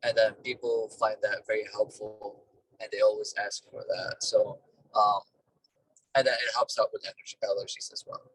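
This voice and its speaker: A man talking over a car speakerphone while driving, a business owner giving plain, halting explanations in a casual interview. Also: on the low side, level tone, noisy background. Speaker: duct cleaning business owner, guest. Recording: distant car speakerphone call.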